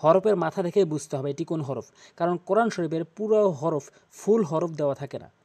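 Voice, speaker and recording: Husky guy teaching quran letters, kinda high voice, says each one over and over. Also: darkish tone. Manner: repeats each letter slowly to demonstrate. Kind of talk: tutorial on pronouncing Arabic letters.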